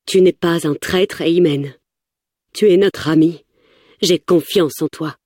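A woman voicing a trusting young man who speaks with calm sincerity. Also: on the low side, slow pace, no echo, studio quality. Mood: earnest.

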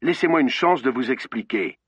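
A man's voice: medium pitch, expressive, normal speed, a bit bright, slightly rough, dry recording, highs cut off. A man voicing a male killer on the phone, first pleading, then ironic and falsely polite, in an audiobook. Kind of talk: audiobook acting.

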